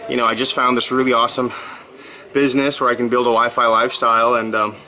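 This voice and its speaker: A man's voice: mid-range voice, flat delivery, quick pace, sharp tone, a little hiss or hum, low-quality recording. A man in his thirties talking casually in a vlog, rambling and upbeat with lots of fillers, just back from a workout. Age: 30s. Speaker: blogger.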